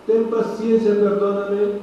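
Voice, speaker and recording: A frantic male servant on his knees begging his master for mercy, as a preacher acts him out. The pleading cries are stretched out and rise a little above the speaker's usual high voice. It is heard from a distance in a big echoing hall on a dull, lo-fi recording. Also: completely flat delivery, extremely slow, vocal fry, dark tone, slight background noise, full character voice.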